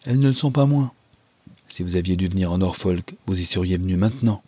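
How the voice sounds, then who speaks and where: A man reading the part of a blunt, hot-tempered young countryman, curt and angry, with a husky low voice. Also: brisk, mellow.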